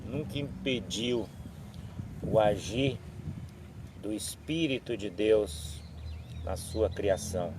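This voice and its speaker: A man speaks in a fairly low voice. He talks slowly and haltingly during a religious live stream, often restarting his sentences. Faint street noise sits behind him. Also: expressive. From southern Brazil. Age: 60s. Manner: slow, halting, many restarts and tag questions.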